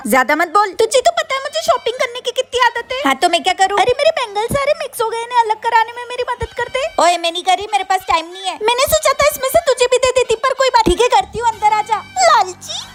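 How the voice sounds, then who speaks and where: A woman's voice: very high-pitched, animated, fast. A woman performing a scripted comedy skit, bickering and teasing as she switches between several neighbour characters. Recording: loud music under the voice.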